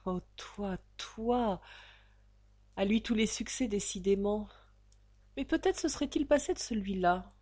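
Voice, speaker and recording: A woman reading a novel aloud as an audiobook narrator. Her reading is expressive and lively, moving easily through slang-heavy prose. Her voice sits at a middle pitch. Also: normal speed, breathy edge, dry recording. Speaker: audiobook reader.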